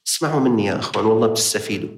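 Impassioned Levantine preacher, echoey room. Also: male voice, lowish voice, very fast. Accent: Levantine Arabic. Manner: impassioned, appealing directly to listeners. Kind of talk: sermon.

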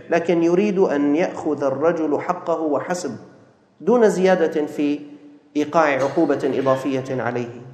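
A man delivers a sermon in a slightly raised voice, turning to his listeners as brothers and mimicking quick blunt replies. The recording carries heavy room echo with a long reverb tail, like a large hall. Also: fairly high pitch, a little mellow. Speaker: preacher.

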